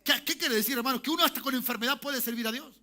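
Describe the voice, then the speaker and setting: A man preaching a sermon as pastor, shifting from soft talk to shouted calls for amen. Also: very high voice, very fast. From Chile. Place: church sanctuary.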